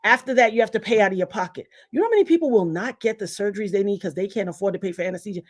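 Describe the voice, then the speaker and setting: A woman's voice: mid-range voice, lively intonation, rapid-fire. A middle-aged woman from Trinidad, raised in Brooklyn, with a Trinidadian Caribbean accent, ranting emphatically and indignantly on her livestream. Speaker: livestream host. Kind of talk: livestream commentary rant.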